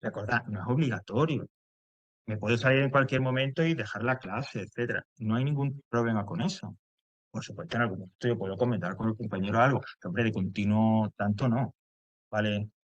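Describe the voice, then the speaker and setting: A man's voice: fairly low pitch, a little fast, no room sound, muffled recording. A man teaching English grammar to a class, explaining step by step and checking in often.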